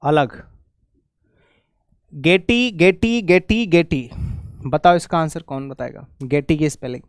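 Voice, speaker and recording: A man's voice: fairly high pitch, a little mellow, no room sound, clean studio sound. Man spelling words letter by letter. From India. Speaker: English teacher. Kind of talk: exam spelling lesson.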